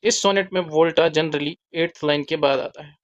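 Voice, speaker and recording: A teacher explaining a literature topic in a deliberate lesson, spelling out key terms word by word. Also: mid-range voice, muffled recording.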